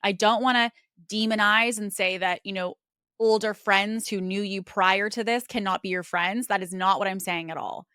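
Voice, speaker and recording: Woman, podcast host, earnest reflective monologue, casual "like" and "you know", mid pitch, dry close sound. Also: steady tone, normal speed, bright, forceful tone, smooth, no room sound.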